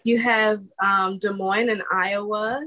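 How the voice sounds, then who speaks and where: A woman's voice: medium pitch, fairly even intonation, slow, sharp tone, no room sound, poor audio. Woman co-host, plain mid voice, matter-of-fact and teasing. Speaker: podcast co-host reading analytics. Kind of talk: casual podcast chat.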